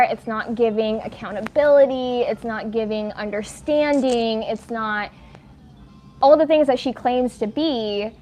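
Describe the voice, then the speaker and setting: Woman, US-raised livestream host, casual crochet chat at home, tangent-prone, fairly high voice. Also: a little mellow. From United States. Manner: chatty and rambling, lots of "like", easily sidetracked.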